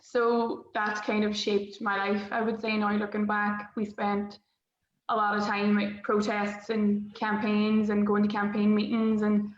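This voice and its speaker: A woman speaks in a Derry, Northern Irish accent with little movement in pitch. She sounds reflective and conversational. The recording is roomy and somewhat dull, with faint noise. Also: completely flat delivery, a little slow. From Derry, Northern Ireland. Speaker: political correspondent. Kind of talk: personal account on a panel.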